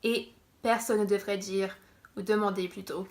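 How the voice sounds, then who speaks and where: A woman's voice: mid-range voice, fairly even intonation, normal speed. A young woman from France chatting casually on her vlog, laughing often and correcting herself as she goes. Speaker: vlogger.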